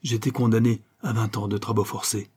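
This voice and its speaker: A man's voice: fairly low pitch, fairly even intonation, fairly quick, a little mellow, slightly rough. A man voicing an old, embittered ex-convict vagabond who speaks with bitter, vehement accusation. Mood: bitter accusing.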